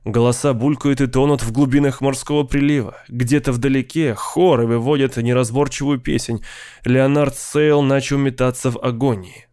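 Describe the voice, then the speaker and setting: A man's voice: medium pitch, steady tone, moderate pace, mellow, clean tone, no room sound, clean studio sound. A man narrating an audiobook, reading dramatically and acting out a character's frightened cries. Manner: acts out the character's cries with rising intensity.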